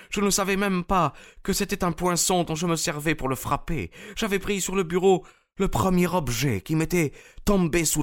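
A man's voice: sits high, voice pushed up. A man voicing a dignified older woman with a foreign accent in an audiobook, speaking with solemn gravity.

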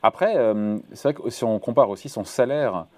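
A man's voice: medium pitch, normal speed, a little mellow. A man hosting a radio discussion, talking steadily with short fillers.

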